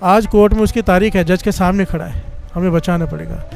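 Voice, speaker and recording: A man's voice: high voice, brisk, gravelly, darkish tone. A male preacher giving a sermon, telling stories and repeatedly calling on the congregation to respond.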